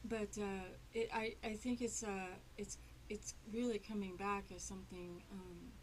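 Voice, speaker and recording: A woman's voice: medium pitch, steady tone, unhurried, slight background noise. A woman hosting a casual interview on a local TV show, rambling with many fillers and restarts. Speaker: TV talk show host. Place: public access TV studio.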